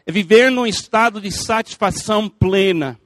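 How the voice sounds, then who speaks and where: An older pastor, a native English speaker with a lilt, preaches an earnest sermon at normal speed, building intensity through emphatic repeated phrases. His voice sits high for a man and is a bit bright, close and dry with no echo or room around it. He breaks in now and then with playful asides to the listeners.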